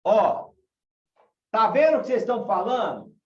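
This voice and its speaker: A man's voice: high voice, expressive, normal speed, distant mic. A man from Brazil teaching a class, asking questions and repeating example sentences. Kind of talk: online class lesson. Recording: dull, echoey room from afar.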